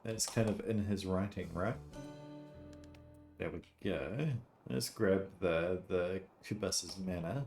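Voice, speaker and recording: A tired, yawning man giving quiet, offhand commentary while playing a detective video game. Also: low voice, slow pace, vocal fry, faint music behind. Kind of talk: casual gameplay commentary.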